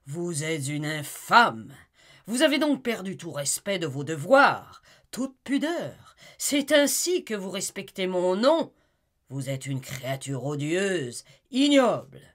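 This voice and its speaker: A woman reading an audiobook, voicing a despotic middle-aged husband who moves from icy politeness to shouted rage. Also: deep voice, expressive, a little slow. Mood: raging.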